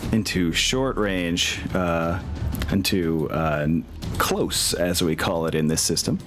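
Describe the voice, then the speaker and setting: A low-voiced man serves as game master for a tabletop war game, narrating slowly but with animation and dropping casual asides, swearing and exclamations. Music plays behind him, adding background noise.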